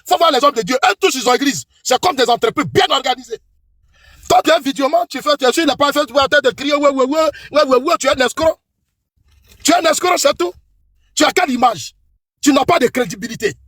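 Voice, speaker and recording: A man's voice: very high-pitched, a bit bright, no room sound, studio quality. A middle-aged man with an Ivorian French accent, delivering a combative, accusing political tirade that repeats lines for emphasis. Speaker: political commentator.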